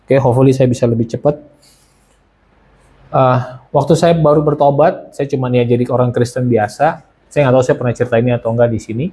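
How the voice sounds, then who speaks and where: A man's voice: medium pitch, steady tone, fairly quick, mellow, breathy edge. A man giving a casual sermon and personal testimony, often asking and answering his own questions. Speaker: preacher sharing testimony.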